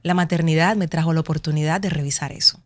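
Animated Dominican woman telling stories. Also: sits low, fast talker, dry recording, studio quality. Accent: Dominican Spanish. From Dominican Republic. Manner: animated storytelling, acts out quotes. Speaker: guest, broadcaster and mother. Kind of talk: conversational interview.

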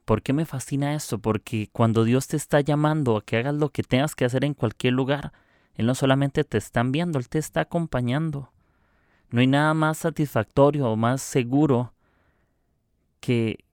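A man giving a relaxed, conversational devotional, slipping into playful acted-out dialogue. His pitch sits in an ordinary middle range. The sound is dry and close, with no room around it. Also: moderate pace, dry recording. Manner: conversational, acts out dialogue in quotes; playful, jokes about church habits. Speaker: preacher. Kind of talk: casual devotional talk.

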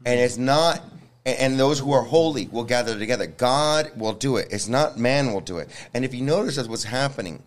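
A man's voice: medium pitch, expressive, brisk. A man hosting a group discussion in a fervent revival preaching style, repeating words and phrases for emphasis. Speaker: preacher and panel host.

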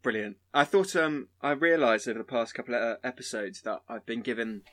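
A man hosting a film podcast in a relaxed, joking way, with frequent fillers and restarts. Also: mid-range voice, fairly quick. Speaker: podcast host. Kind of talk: casual podcast chat.

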